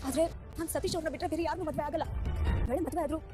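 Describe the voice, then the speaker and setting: A woman's voice: high voice, racing, close to an everyday voice. An actress playing a tearful college girl. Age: young adult. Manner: tearful, pleading. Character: heartbroken young college girl in love. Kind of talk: TV serial acting. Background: background music score.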